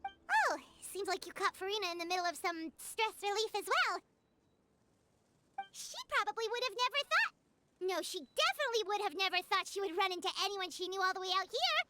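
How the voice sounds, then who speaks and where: A woman's voice: extremely high pitch, animated, a little fast, bright, forceful tone, a little hiss or hum, heavily acted. A woman voicing a tiny, chatty, non-human female companion who talks about herself in the third person, in a video game. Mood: teasing. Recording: game audio with music behind.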